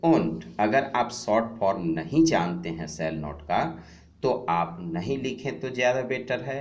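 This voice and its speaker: A man teaching a grammar lesson to children, drilling word pairs slowly and repeating key points as he speaks straight to his pupils. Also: on the low side, animated, highs cut off. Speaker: English teacher. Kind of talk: classroom-style grammar lesson.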